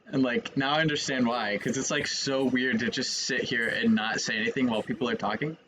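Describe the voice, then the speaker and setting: A young man streaming a video game, chatting and reacting in an excitable way. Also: medium pitch, a little fast, a little hiss or hum, low-quality recording. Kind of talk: live game commentary.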